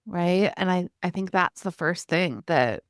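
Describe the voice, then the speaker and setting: A middle-aged woman talks through parenting advice in a relaxed interview, slipping into animated quoted asides. Her voice sits a little low for a woman. The sound is dry and close to the mic, with no room around it. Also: clean tone, dry recording. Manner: animated, acts out parent-child exchanges in quick quoted asides. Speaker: parenting expert guest. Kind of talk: conversational interview.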